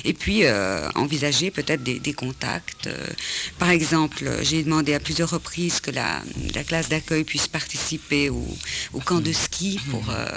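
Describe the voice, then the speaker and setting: A woman's voice: deep voice, animated, normal speed, creaky, a bit bright, slight background noise. A woman teacher, speaking earnestly and conversationally on a discussion panel.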